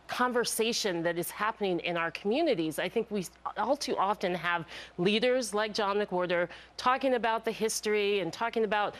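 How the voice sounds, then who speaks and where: Female debate guest, mid-pitched, firm and emphatic political commentary. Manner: firm, emphatic, builds points in lists. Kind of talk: live TV panel debate.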